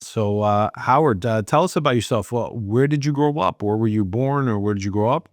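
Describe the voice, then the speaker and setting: Low-voiced podcast host, chatty and rambling. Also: male voice, fairly quick, dry recording, clean studio sound. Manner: friendly, filler-heavy, rambling questions. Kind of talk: casual interview chat.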